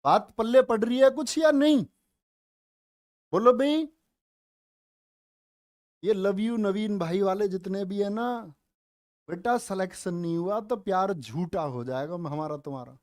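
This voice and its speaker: A man's voice: sits high, unhurried, pauses often, a little mellow, no room sound, studio quality. A man teaching a live online Hindi exam-prep class, coaxing his students, calling them dear children and brother, and asking questions that he answers himself.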